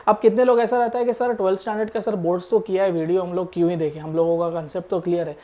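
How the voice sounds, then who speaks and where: Male maths tutor, online lecture, mellow tone, walks through each step, keeps checking in with rhetorical questions. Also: high voice. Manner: mixes English maths terms into Hindi. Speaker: maths teacher.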